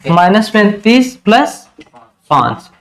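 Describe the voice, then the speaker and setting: A man with a Hindi accent teaching a math lesson at the board, asking the class questions and then answering them himself, and slowing down to dictate equations. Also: sits high, very animated, a bit bright. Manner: slows down while dictating equations.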